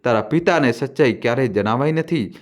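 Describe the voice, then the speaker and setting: A man voicing a sorrowful, secretive old man who speaks slowly and gravely in a hushed voice. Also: mid-range voice, expressive, close to an everyday voice.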